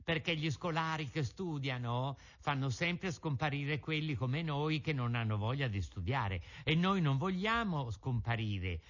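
A man's voice: medium pitch, animated, a little slow, hardly any pauses, a bit bright. A man doing jeering, bullying schoolboys. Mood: taunting. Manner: jeering, threatening taunts. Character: gang of rough schoolboys, bullying and taunting. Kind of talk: storybook reading. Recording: dull lo-fi recording.

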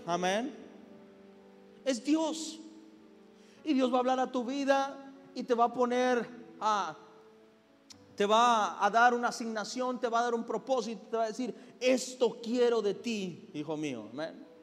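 A man's voice: extremely high pitch, a little slow, long pauses, big-room sound, faint music behind. A male pastor preaching a sermon, calling out "amén" as he builds his points. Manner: preaching with rising intensity and repeated "amén".

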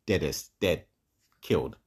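Deep-voiced man recapping a film. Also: expressive, unhurried, darkish tone, husky. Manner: rambling, dramatizing, laughs often. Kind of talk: casual retelling of a film plot.

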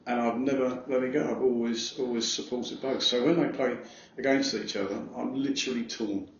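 A man's voice: medium pitch, fairly even intonation, brisk. A man with an Essex accent chatting casually as a panellist. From Essex, England. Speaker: rugby podcast panellist. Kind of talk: casual chat. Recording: echoey room, dull sound, some noise.

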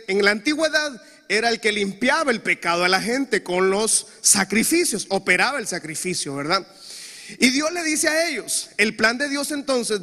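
A man's voice: very high voice, sharp tone, long reverb tail. A young male pastor preaching a sermon with animation, leading the congregation in call-and-response. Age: young adult.

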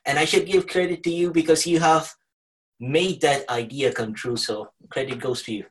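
A man from Kuwait appears as a podcast guest, a researcher with a journalism degree who explains things in a discursive, conversational way. His voice is a little high and his pace moderate, on a low-quality recording.

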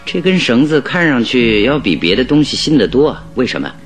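An actor playing Sherlock Holmes as a brisk, inquisitive detective in a radio drama, questioning keenly and commandingly. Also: male voice, mid-range voice, big pitch swings, faint music behind, close to an everyday voice. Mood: probing.

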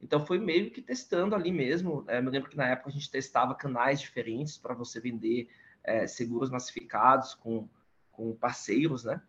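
A man's voice: medium pitch, a little fast, a bit bright, dull audio. A man in his thirties from Salvador, Brazil, talking as a podcast guest in a casual, hesitant way with many fillers and restarts. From Salvador, Bahia, Brazil. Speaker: guest, startup competition lead. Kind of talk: casual interview conversation.

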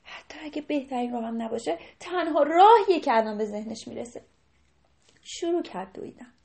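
A woman telling a story to children, her voice high yet soft and mellow. She is animated and often turns to talk to her young listeners directly. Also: gravelly.

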